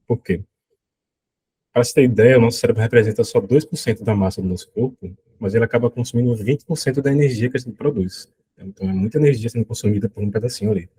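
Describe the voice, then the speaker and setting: A young man from Aracaju gives a relaxed design conference talk, often tagging sentences with "né?". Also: fairly low pitch, slightly rough. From Aracaju, northeastern Brazil. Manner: relaxed, frequent "né?" tag questions. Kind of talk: casual presentation talk.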